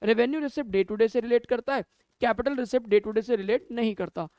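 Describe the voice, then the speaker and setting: A man's voice: extremely high pitch, fast, dark tone, no echo. A man teaching an accounting class, talking to students, asking questions and answering them himself, mixing Hindi with English terms. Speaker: commerce teacher. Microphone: camera mic.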